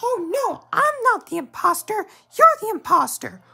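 A young fan voicing a stubborn, bratty dark-world twin of a penguin king, with a squeaky voice that keeps cracking. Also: big pitch swings, moderate pace, gravelly, heavily acted. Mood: defiant.

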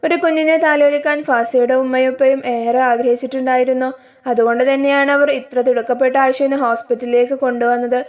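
A woman narrating a scripted story in a calm, even way. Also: high voice, fairly quick.

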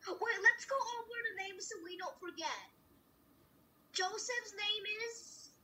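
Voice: extremely high pitch, a little slow, pushed and bright, exaggerated voice. A performer playing a goofy, joking kid friend on a video call in a fan puppet comedy, throwing out silly random names. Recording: distant mic with faint noise.

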